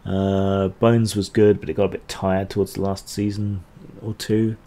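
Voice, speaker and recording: A man's voice: sits low, little pitch movement, moderate pace, dark tone, a little hiss or hum. A man answering chat questions on a casual livestream, rambling and hesitant with dry asides.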